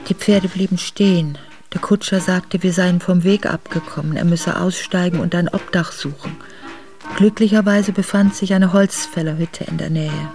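In a radio drama memoir narration, an actress plays a noblewoman soberly and reflectively recalling a hard winter journey. Her fairly low voice, close to everyday speech, has fairly even intonation at normal speed and plays over music.

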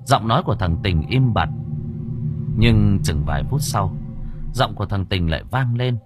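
A man narrating a horror story in a dramatic, expressive way. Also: lowish voice, moderate pace, loud music behind the voice. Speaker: audiobook narrator.

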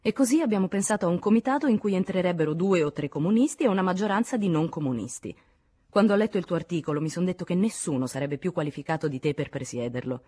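A heated, insistent male activist, as a woman reads him aloud in an audiobook. The voice stays low and husky, pressing hard and reproaching the listener. It sounds dark and weighted rather than bright. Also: animated, quick pace. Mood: urgent. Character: vehement middle-aged male communist activist.

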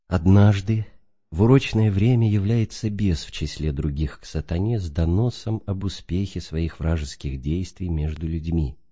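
A man solemnly reading a spiritual letter aloud in a slow, didactic way. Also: rumbling low, dark tone, husky. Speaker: reader. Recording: dull lo-fi recording.

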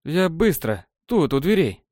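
A man voicing a frenzied long-haired male elf stalker who screams threats in a raised, loud voice. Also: fairly high pitch, sing-song, unhurried, no room sound, studio quality, voice pushed up. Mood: hesitant.

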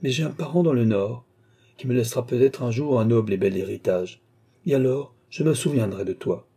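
A man reading the part of a calm, dignified nobleman officer in an audiobook. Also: mid-range voice, husky. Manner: measured, dignified, firm.

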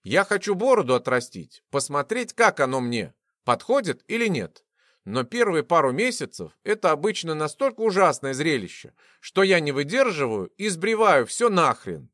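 A man reading an audiobook and voicing a jumpy young man who turns shrill and panicked. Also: sing-song, normal speed, a bit bright, no room sound, studio quality. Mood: casual. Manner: plain at first, then shrill and panicked.

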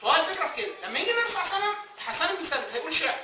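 Egyptian guy lecturing, quizzes the class and answers himself, talks super quick, sounds far off in an echoey hall. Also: very high-pitched, sing-song, background noise. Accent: Egyptian Arabic. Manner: quizzing the class, answering his own questions. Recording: echoey room recorded from a distance.

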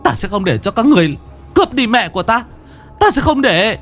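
A man's voice: mid-range voice, very animated, measured pace, darkish tone, soft background music, pitched above the performer's own voice. A man voicing a frightened but stubborn young village girl who talks in an urgent, pleading way, in a storybook horror tale. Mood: defiant.

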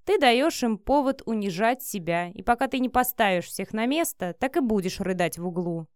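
A woman voicing a hardened, bitter businesswoman in an audiobook, lecturing in a firm, measured way. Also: medium pitch, lively intonation, dry recording, clean studio sound, lightly acted. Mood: stern.

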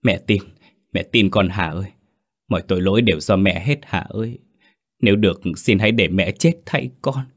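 A man's voice: on the low side, moderate pace, slightly rough. A man voicing a grief-stricken, remorseful mother in a spoken ghost story, tearful and pleading.

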